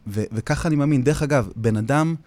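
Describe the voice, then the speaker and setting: A man's voice: mid-range voice, darkish tone, no echo. A man with an Israeli accent, the founder of a community singing project, talking in an interview in an earnest way and repeating phrases for emphasis. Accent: Israeli Hebrew. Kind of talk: interview, reflective talk.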